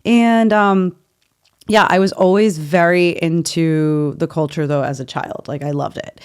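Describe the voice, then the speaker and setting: A woman's voice: fairly low pitch, steady tone, unhurried, darkish tone, clear, resonant tone. A woman in her thirties from Virginia, chatting playfully and openly as a podcast guest. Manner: chatty, playful, laughs easily. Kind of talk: casual interview chat.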